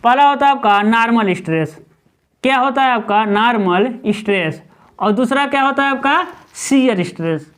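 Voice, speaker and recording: A man's voice: very high-pitched, lively intonation, moderate pace, fairly bright tone, smooth. A male teacher giving a classroom lecture, firing questions at his students and answering them himself, and tagging on short check-in questions. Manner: keeps adding a tag question.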